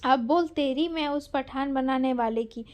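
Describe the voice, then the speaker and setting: A woman voicing a thin, furious male clerk who shouts curses in a storybook reading. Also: high voice, unhurried.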